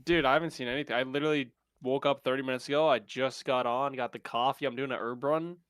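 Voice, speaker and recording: A man's voice: medium pitch, fairly even intonation, fast talker, fairly bright tone, clean tone, dry recording, clean studio sound. A man bantering casually with gaming teammates in laid-back, slangy frat-bro talk.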